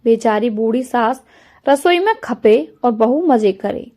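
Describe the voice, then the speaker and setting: A woman's voice: on the high side, animated, a little slow, warm tone. A woman voicing a nosy, meddling older neighbour woman who scolds snidely in a storybook reading. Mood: scolding.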